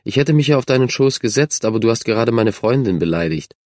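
A man's voice: medium pitch, expressive, quick pace, a little mellow, no room sound, clean studio sound, natural voice. A man reading a confident, kind young girl. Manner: self-assured, friendly.

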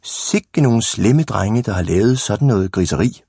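A sly, clever schoolboy from a storybook, as a man reads him aloud. The boy sounds lively and knowing, his voice soft and mellow, in a dry, close recording. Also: medium pitch, breathy edge, no room sound. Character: clever scheming young boy.

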